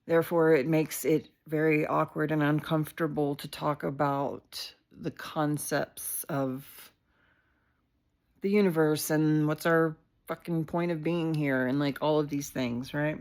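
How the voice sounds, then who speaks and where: Low-voiced woman talking candidly on a live stream. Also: steady tone, a little slow, a little mellow. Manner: heartfelt, candid, sprinkled with swearing and fillers. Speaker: community leader hosting a live video. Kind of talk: casual livestream talk.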